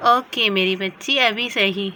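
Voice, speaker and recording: A woman voicing a young mother doll who coaxes her daughter out of bed, gently scolding. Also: medium pitch, measured pace, slight background noise, pitched below the performer's own voice. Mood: coaxing. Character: fussing young mother doll, patient and coaxing.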